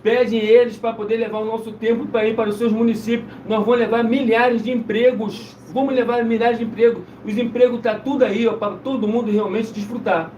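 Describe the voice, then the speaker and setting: A man's voice: very high-pitched, little pitch movement, a little fast, hardly any pauses, darkish tone, lo-fi sound. A man preaching in a loose, insistent live-stream chat, repeating himself as he goes. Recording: roomy, distant mic, faint noise.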